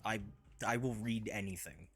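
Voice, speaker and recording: A man's voice: on the low side, moderate pace, a bit bright, slightly rough, soft background music. A man chatting casually with friends while streaming a game live, joking and laughing easily. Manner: chatty, laughs easily, bursts into silly voices.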